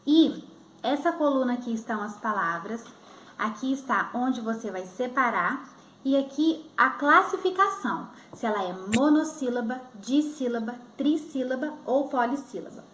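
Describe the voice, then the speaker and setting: A woman with a Minas Gerais Brazilian accent teaching young children in a recorded lesson, slowly sounding out words. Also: fairly high pitch, expressive, a bit bright, roomy sound, a little hiss or hum. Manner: slow, sounding out words for kids. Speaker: primary school teacher. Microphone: phone.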